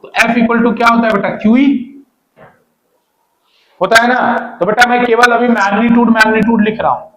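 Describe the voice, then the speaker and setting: A man's voice: very high voice, flat delivery, moderate pace, pauses often, a bit bright, a little hiss or hum. A man teaching physics in a classroom-style lecture, repeating key points and asking students questions as he goes. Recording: echoey room.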